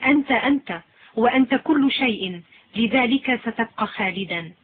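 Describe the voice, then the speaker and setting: A woman voicing a calm, certain female mystic, reciting slowly and solemnly. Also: on the high side, slightly rough. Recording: lo-fi phone-like sound.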